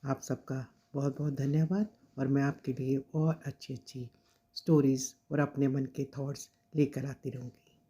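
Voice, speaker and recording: A woman telling a moral story in a gentle, measured way to her viewers. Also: very deep voice, level tone, husky. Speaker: storyteller and speaker. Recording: dull lo-fi recording.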